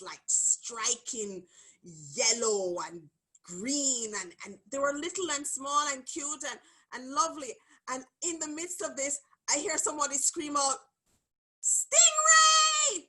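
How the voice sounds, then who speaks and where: A woman hosting a group sharing session, telling a funny story in an expressive way and laughing as she goes. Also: a little high, poor audio. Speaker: host. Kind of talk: animated storytelling.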